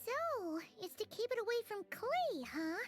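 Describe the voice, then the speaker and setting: A woman voicing a tiny, childlike fairy companion in an anime video game, squeaky, chirpy and curious. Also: big pitch swings, a little slow, faint music behind, heavily acted.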